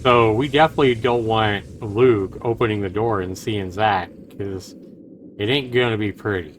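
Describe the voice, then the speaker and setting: This man's voice sits fairly low and moves at a moderate pace as he livestreams, voicing game text like a theatrical narrator and tossing in offhand comments. Background noise on the stream is clearly audible.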